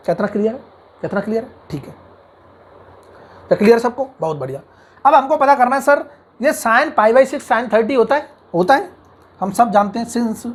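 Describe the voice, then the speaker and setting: A man teaching engineering mathematics in an online lecture, coaxing the class with constant questions and acting out imagined student objections. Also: high-pitched. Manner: brisk, coaxing teacher who asks the class questions and answers them.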